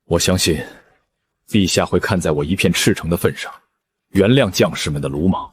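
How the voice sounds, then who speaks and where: An actor playing a besotted, naive commander, solemn and melodramatic, in an animated drama. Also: male voice, mid-range voice, moderate pace, close to an everyday voice. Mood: devoted. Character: besotted, self-sacrificing, naive army commander. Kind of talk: dramatized animated-comic dubbing.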